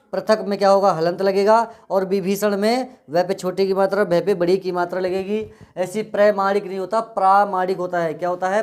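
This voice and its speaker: A male teacher giving an exam-prep spelling lesson, drilling words by repeating them in a steady, methodical way. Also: high voice.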